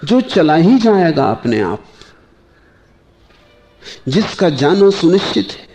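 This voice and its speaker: A man giving a slow, measured spiritual discourse, pausing often and asking his listeners rhetorical questions. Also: fairly high pitch, very animated, darkish tone, faint music behind. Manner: slow, measured delivery with long pauses. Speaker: spiritual teacher.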